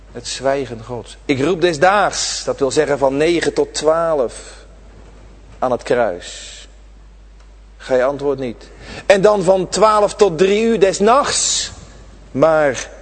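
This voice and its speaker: A man preaching a sermon to his congregation, swinging between loud, drawn-out emphasis and quiet, low asides. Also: breathy edge, long reverb tail. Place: church.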